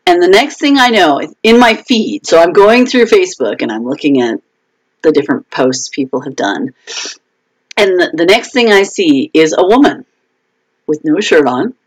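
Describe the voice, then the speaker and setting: A woman's voice: lowish voice, expressive, normal speed, breathy edge, poor audio. A woman author chatting casually on her own live video stream, talking through frustrations with fillers and restarts.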